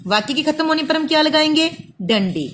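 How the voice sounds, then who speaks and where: A woman's voice: sits high, animated, fairly quick, a bit bright, slight background noise. A woman teaching young children, patiently stretching words out sound by sound as she spells them. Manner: patient, stretches out sounds syllable by syllable, calls listener "beta". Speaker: primary school teacher.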